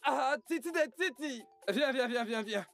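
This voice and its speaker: A woman dubbing a worried village father who stammers and tries to calm his daughter in a dubbed film. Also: sits high, normal speed, soft background music. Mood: soothing. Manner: stammering, soothing.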